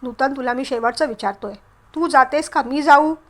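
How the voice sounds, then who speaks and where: A strict, quick-tempered old head of the family, put on by a woman narrator in a storybook reading. He speaks slowly, pressing hard on each word. The voice stays high and light. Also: a bit bright. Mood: angry.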